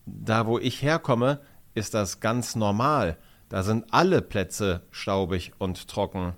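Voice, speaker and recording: A man's voice: lowish voice, takes it slowly. A man reading aloud, voicing an earnest, polite young boy who tells the other children about life in his home village. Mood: explaining. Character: boy newly moved from the countryside, polite, thoughtful.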